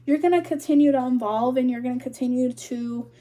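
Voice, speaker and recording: Chatty young woman with a high voice. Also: fairly even intonation, a little fast, dark tone. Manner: rambling, full of "like" fillers. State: out of breath. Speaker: vlogger. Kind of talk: casual chat to camera.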